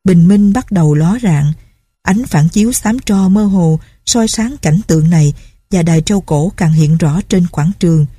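Husky-voiced woman narrating a storybook. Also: on the low side, moderate pace, warm tone, dry recording, clean studio sound. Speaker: audiobook narrator.

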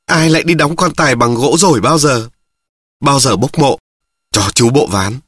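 A man reading the lines of a blunt, crude old male cart driver, slow and gruff, with a husky voice. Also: medium pitch, a bit bright, no room sound, clean studio sound.

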